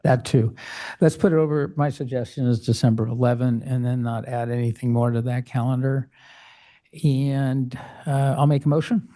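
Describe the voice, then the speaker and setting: A man chairing a city board meeting, with a mellow, darker tone. He speaks at a middle pitch and stops and restarts his sentences as he steers the discussion and motions. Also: steady tone. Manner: halting, restarts sentences often.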